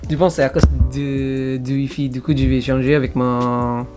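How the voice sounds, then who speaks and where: A man's voice: medium pitch, level tone, normal speed, a little mellow, soft background music. A man in his twenties with an Indonesian accent, a native Indonesian speaker, vlogging casually in a chatty, hesitant, self-conscious way. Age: 20s. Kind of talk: casual vlog.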